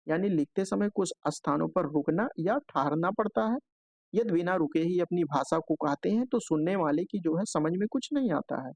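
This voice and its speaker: A man with a high, slightly mellow voice and no echo teaches an exam-prep lesson, explaining things step by step. He leans on the stock filler "jo hai" again and again and checks in with "okay" between points.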